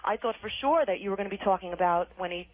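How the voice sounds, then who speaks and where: A woman's voice: mid-range voice, fast, dry recording, narrow, tinny audio. A woman calling in to a radio show, defending herself and laughing along. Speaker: caller. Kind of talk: casual phone-in chat.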